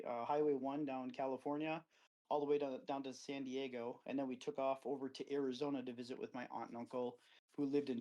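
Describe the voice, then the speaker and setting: A man's voice: darkish tone, rough recording. A middle-aged man from Wisconsin, a cactus grower guesting on an interview, telling long rambling stories about his life. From Wisconsin, USA. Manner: rambling, anecdotal, acts out quoted friends with livelier pitch. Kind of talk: relaxed storytelling in an interview. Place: outdoor desert garden.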